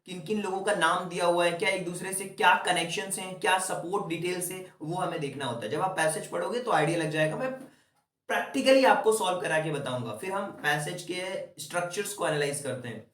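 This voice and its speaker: A man's voice: sits high, a little fast, fairly bright tone, far from the mic. A young man teaching an exam-prep lesson in a chatty, coaching way, mixing in English terms. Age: young adult. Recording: echoey room, voice set back from the mic.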